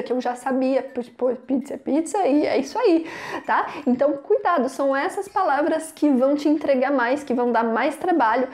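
A young Brazilian woman with a Brazilian Portuguese accent, chatting casually as she teaches French pronunciation. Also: high voice. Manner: chatty, explains with lively examples. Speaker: French teacher, channel host. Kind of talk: casual video lesson.

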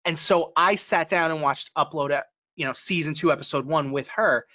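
A man's voice: on the high side, moderate pace, bright, forceful tone. A man co-hosting a podcast in casual chat, talking with a headset over a video call, laughing often and acting out quoted lines. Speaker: podcast co-host. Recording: dull lo-fi video call audio.

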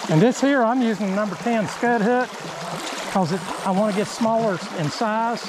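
A man's voice: high-pitched, normal speed. A man hosting a fishing video outdoors by a creek, talking in a plain-spoken, folksy way. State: out of breath. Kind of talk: outdoor fishing vlog talk. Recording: loud outdoor water noise.

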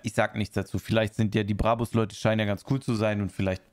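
A man's voice: on the low side, flat delivery, fast talker, a little mellow. A man streaming live, chatting casually while reacting to a video and answering viewer chat in rambling asides.

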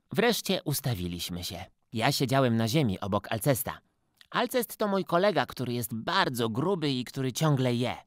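Animated male storybook narrator. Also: mid-range voice, no echo, studio quality. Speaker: storyteller, theatre and dubbing actor. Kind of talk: storybook reading for children.

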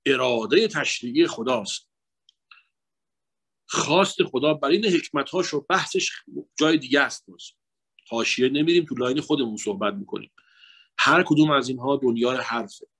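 A man giving a religious lecture that blends psychology with sermon, swinging between raised emphatic phrases and hushed asides in a lively, emotional address to the audience. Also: medium pitch, breathy edge. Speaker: guest lecturer at a religious mourning night.

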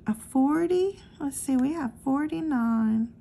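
Slow high-voiced woman calling numbers. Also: animated, vocal fry, warm tone, slight background noise. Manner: slow, calls out numbers one by one. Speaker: lottery scratch-off vlogger. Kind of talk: casual scratch-off commentary.

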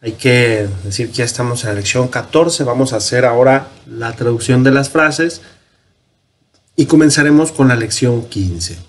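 A man with a Mexican Spanish accent teaching a Hebrew grammar lesson, explaining slowly and step by step and correcting himself as he goes. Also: mid-range voice. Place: parish.

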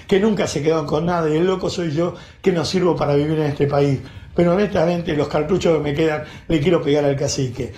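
A man's voice: a little high, a little mellow, reverberant. A man with an Argentine accent delivering an angry, sarcastic editorial monologue as host, full of insults. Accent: Argentine Rioplatense Spanish. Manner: indignant, sarcastic, ranting with insults. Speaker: radio and TV host.

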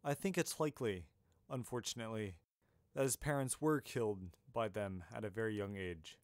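A man voicing a wise elderly male headmaster who speaks gently, formally and firmly. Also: on the low side, normal speed, no echo, studio quality, close to an everyday voice.

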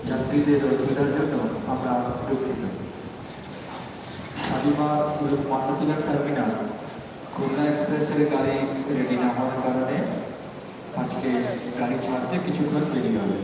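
A man making formal train announcements over the station loudspeaker, heard from far off in an echoey station. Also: mid-range voice, little pitch movement, moderate pace, pauses often, background noise. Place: railway platform.

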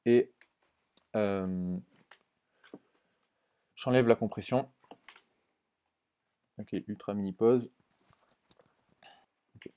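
A man presenting a screen-recorded software tutorial in a casual way, thinking aloud with many fillers and restarts and often checking in with the viewer. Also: on the low side, drawn-out words, long pauses, clear, resonant tone.

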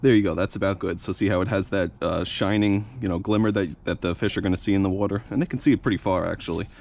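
A young man with a low-sitting voice, vocal fry, and a fast delivery hosts a fishing channel. Working at an outdoor workbench, he casually talks through a hands-on demonstration, peppering it with "you know" and "uh."

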